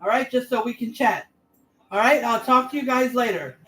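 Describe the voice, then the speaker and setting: A woman's voice: fairly high pitch, moderate pace, a bit bright. Chatty woman hosting a live home cooking stream. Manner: chatty, talks straight to viewers. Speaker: home cooking livestream host. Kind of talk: casual live cooking chat. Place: home kitchen. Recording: roomy and a bit distant, faint hiss.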